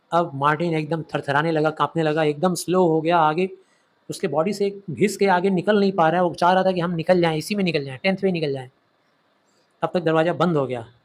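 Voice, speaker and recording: Man teaching a story, fairly high voice. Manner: retells the story with quick acted quotes, asks and answers his own questions. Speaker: English literature teacher. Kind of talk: explaining a story to students.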